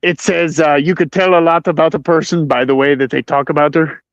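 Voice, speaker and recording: A man joking around deadpan in a casual chat stream. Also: on the high side, brisk, dull audio. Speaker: stream co-host.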